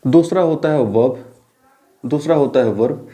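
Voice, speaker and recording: A man with an Indian accent teaching a grammar lesson. He keeps posing rhetorical questions, answers them himself, and repeats key terms slowly. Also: a little high, dark tone. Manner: mixes English terms into explanations. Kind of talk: classroom grammar lecture.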